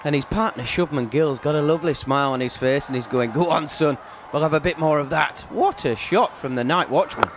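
A man's voice: fairly high pitch, a little fast. A man co-commentating on cricket, chattily breaking down each shot after it is played. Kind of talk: conversational expert analysis of each shot. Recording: clear outdoor ground noise.

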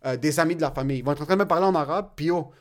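Man, quick, slightly high voice, swears freely while co-hosting a podcast. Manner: chatty, swears, mixes in English words. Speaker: podcast co-host. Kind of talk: casual chat.

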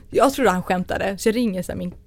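A woman's voice: medium pitch, creaky. A woman from Sweden, a guest in her thirties, telling anecdotes in a casual interview and acting out the dialogue.

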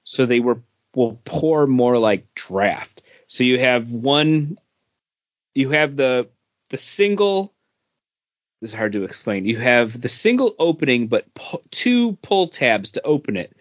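In a slow, medium-pitched voice full of big pitch swings, a man chats conversationally as a podcast host. The dry, close recording carries no room sound and has a dull lo-fi tone.

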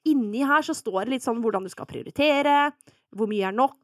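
This is a young woman co-hosting a podcast with a fairly high voice. She talks in a chatty, frank, self-mocking way. Her voice sounds close and dry. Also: dry recording. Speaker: podcast co-host. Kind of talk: casual podcast chat.

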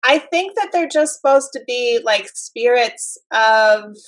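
Woman cohost, kinda high voice, talks slow, lots of "like"s, casual chat. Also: lively intonation, rough recording. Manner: unhurried, musing, with frequent fillers. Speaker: podcast co-host. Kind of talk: casual chat about a TV episode.

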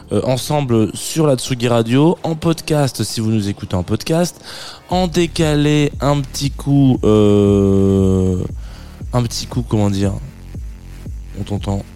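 A man's voice: medium pitch, animated, measured pace, mellow, soft background music. A man hosting a casual morning radio show, rambling and correcting himself with a joking, offhand manner. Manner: rambling, self-correcting, jokey. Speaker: radio host.

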